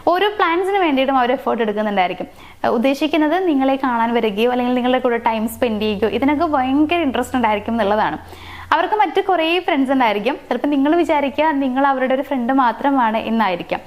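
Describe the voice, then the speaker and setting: A woman talking casually to her viewers, explaining relationship signs point by point, with fillers and restarts along the way. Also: high-pitched. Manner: explains in numbered points with fillers and self-corrections. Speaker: relationship advice host. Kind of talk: casual advice talk to camera.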